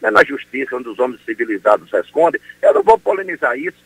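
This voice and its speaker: Um homem, promotor de justiça, falando por telefone numa entrevista de rádio matinal, enfático e indignado. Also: male voice, mid-range voice, huge pitch swings, fast talker, creaky, slightly rough, no echo, low-quality recording. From Brazil. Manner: emphatic, indignant, insistent. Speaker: public prosecutor. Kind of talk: phone interview on morning radio.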